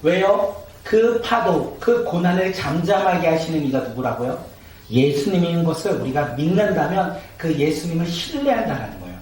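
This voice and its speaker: A man's voice: a little high, lively intonation, normal speed, darkish tone. A man preaching as pastor, asking the congregation rhetorical questions and leading them in reading aloud. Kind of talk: sermon. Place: church sanctuary. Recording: roomy echoey sanctuary, mic at a distance, faint noise.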